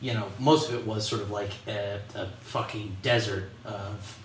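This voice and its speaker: A man's voice: lowish voice, fairly even intonation, moderate pace, slight background noise. A man co-hosting a gaming podcast in casual chat, rambling and hesitant. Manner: rambling, hesitant, many fillers. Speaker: podcast co-host. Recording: roomy echo.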